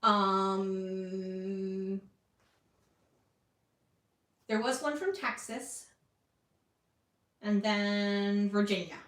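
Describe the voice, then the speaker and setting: A woman's voice: medium pitch, fairly even intonation, extremely slow, long pauses, a bit bright, recorded from a distance. Chatty crafting vlogger, woman, rambling, self-deprecating, mic set back in an echoey room. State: hiccuping. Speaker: scrapbooking vlogger. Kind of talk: casual chat while crafting.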